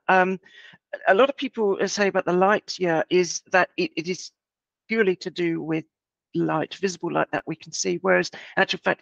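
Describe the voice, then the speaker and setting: Gravelly woman with a morning voice. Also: low-pitched, no room sound. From United Kingdom. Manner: halting, many ums and restarts. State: gruff early-morning voice. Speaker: astrophotography presenter. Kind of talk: online presentation talk.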